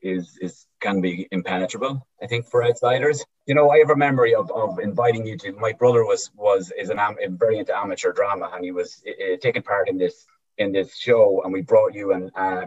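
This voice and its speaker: A man with an Irish midlands accent from County Cavan, telling stories conversationally in a husky voice, often circling back over his words. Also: lowish voice, fairly quick, darkish tone. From County Cavan, Ireland. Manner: hesitant, repeats words, often tags with "right?". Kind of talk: conversational storytelling. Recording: dull lo-fi sound.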